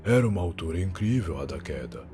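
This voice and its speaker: A man with a Brazilian accent playing a weary, proud time traveler, narrating an audio drama in a husky, solemn, theatrical and deliberate way. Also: sits low, very animated, dark tone, faint music behind. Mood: solemn narration. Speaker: narrator and lead character. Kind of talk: dramatic first-person scripted narration.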